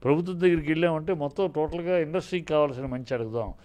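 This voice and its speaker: A man's voice: fairly high pitch, racing, darkish tone, dull audio. A man, a film producer, talking combatively in a heated interview, indignant and often breaking off mid-word to restart. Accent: Telugu.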